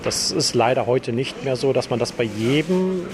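A man's voice: medium pitch, animated, normal speed, background noise. A man, a store owner, explaining his views in a conversational interview. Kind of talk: interview statement.

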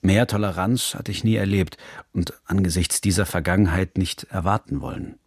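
Gravelly low-voiced male narrator. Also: fairly even intonation, no room sound, clean studio sound. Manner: measured, serious reading. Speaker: narrator of a radio feature. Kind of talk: scripted documentary narration. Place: recording studio.

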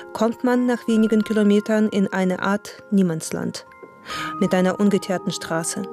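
Female reporter, calm measured documentary narrator, faint music underneath. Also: mid-range voice.

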